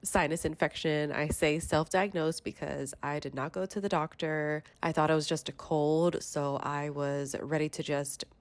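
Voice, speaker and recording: A woman's voice: low voice, steady tone, normal speed, hardly any pauses, no echo. A woman in her thirties with a stuffy, congested voice, chatting casually in a vlog voiceover. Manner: chatty, rambling storytelling. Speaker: vlogger.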